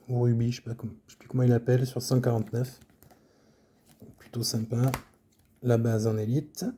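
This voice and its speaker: A man calmly showing his card collection in casual commentary, low-key and trailing off at phrase ends. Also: a little hiss or hum.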